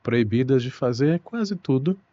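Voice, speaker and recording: With warm tone and lively intonation, this mid-range male voice comes through echo-free but dull. The speaker, a young Brazilian who teaches Portuguese, is an unhurried, thoughtful interview guest in a relaxed conversation, sprinkling in "né" and "puxa" often.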